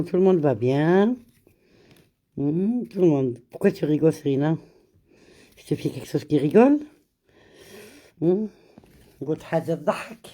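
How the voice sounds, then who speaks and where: Low mellow-voiced woman chatting live. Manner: switches between French and Arabic, greets viewers by name. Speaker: live stream host. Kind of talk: casual live chat with viewers.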